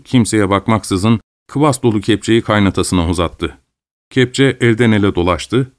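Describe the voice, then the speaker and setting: A man narrating a story in a steady, measured audiobook reading. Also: on the low side, no room sound, clean studio sound.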